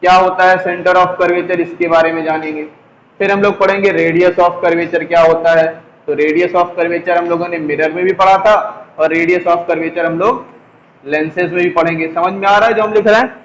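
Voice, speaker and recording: A man teaches a class in a high, steady voice that stays on an even pitch. He goes slowly, repeating each key term and putting questions to his students. His voice rings with a long reverb, as in a hall. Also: a little hiss or hum. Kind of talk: classroom lesson, explaining while writing on a board.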